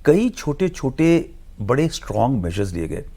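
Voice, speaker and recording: Male guest analyst, gravelly, measured lecturing delivery with English phrases mixed in. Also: mid-range voice, big pitch swings, dark tone. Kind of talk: explanatory TV discussion.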